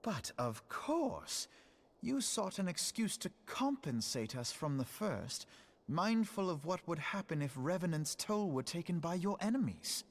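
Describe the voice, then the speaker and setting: An actor playing an earnest, shrewd, well-bred young envoy in a fantasy game, speaking formally and pointedly. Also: male voice, high-pitched, sing-song, a little slow, heavily acted. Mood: probing, pointed. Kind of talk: fantasy video game acting.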